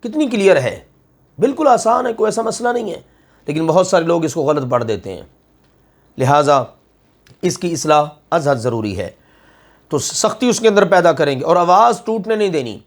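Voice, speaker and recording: A man's voice: a little high, expressive. A middle-aged man teaching Quran recitation step by step, patiently drawing out each example word.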